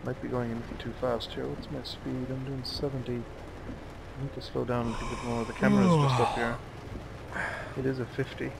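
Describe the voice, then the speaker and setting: A man's voice: mid-range voice, steady tone, brisk, gravelly, background noise. A tired man casually commenting on his own truck driving game, musing aloud to himself. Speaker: let's play gamer. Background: truck driving game sounds.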